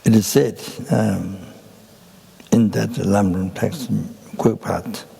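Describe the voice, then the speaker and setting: Slow gravelly older man. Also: fairly low pitch, steady tone, dark tone. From Nepal. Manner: halting, many fillers and restarts. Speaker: Buddhist teacher. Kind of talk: Buddhist teaching talk. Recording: hall reverb.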